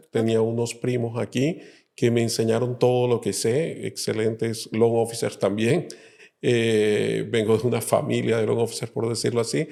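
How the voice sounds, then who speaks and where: A middle-aged man from Colombia, a loan officer explaining things calmly as an interview guest. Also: medium pitch, vocal fry. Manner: calm, explanatory, many fillers. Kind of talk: interview answers.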